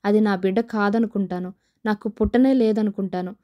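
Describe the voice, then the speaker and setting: A woman's voice: medium pitch, steady tone, fairly quick, warm tone, natural voice. A woman voicing a distraught middle-aged mother who talks in a tearful, scolding way.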